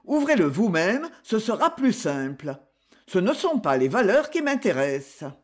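A reader doing a crisp, ironic gentleman. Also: medium pitch, very animated, a little slow. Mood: insistent. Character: commanding ironic gentleman, calm and authoritative. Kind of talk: audiobook character voice.

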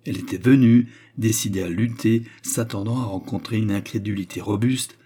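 A man narrating a classic novel as an audiobook, reading in an expressive, dramatic way. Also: on the low side, moderate pace, a little hiss or hum.

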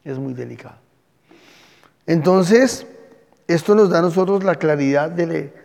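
A man, a pastor teaching a Bible class and telling the stories with lively energy. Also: a little high, creaky, big-room sound. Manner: lively storytelling, addresses class as "hijos".

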